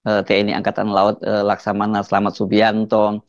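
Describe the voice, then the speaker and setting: A man giving conversational news commentary as a host, in a halting delivery. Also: lowish voice, monotone, dry recording. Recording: slightly dull, dry close recording.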